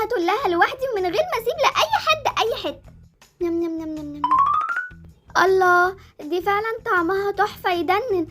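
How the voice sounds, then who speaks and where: A woman voicing a cheeky young girl with an Egyptian Arabic accent, chatty and bossy. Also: extremely high pitch.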